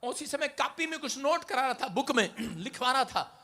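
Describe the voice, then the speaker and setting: A man preaching as a pastor, his voice pitched very high for a man and ringing bright. He swings from shouted calls to the congregation down to hushed, hurried storytelling. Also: lively intonation. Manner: swings between shouted exhortation and quiet storytelling. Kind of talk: sermon.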